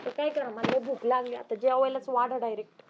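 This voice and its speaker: A woman's voice: fairly even intonation, fairly quick, dull audio, very noisy, natural voice. An actress playing a cruel, greedy young daughter-in-law who nags and insults her mother-in-law. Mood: scolding. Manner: shrill, nagging, insulting. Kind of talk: village family drama acting.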